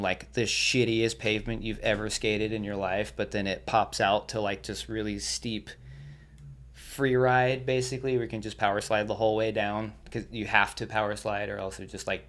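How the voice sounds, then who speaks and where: A young man appears as a guest on a podcast, telling stories in a loose, wandering manner. His voice is slightly low, he curses freely, and he laughs between tales.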